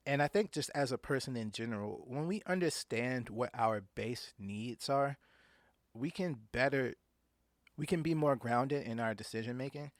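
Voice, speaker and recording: A man's voice: medium pitch, normal speed, no room sound. A man with slightly slurred speech and imprecise T's and S's from an underbite, talking informally and hesitantly as a solo podcast host.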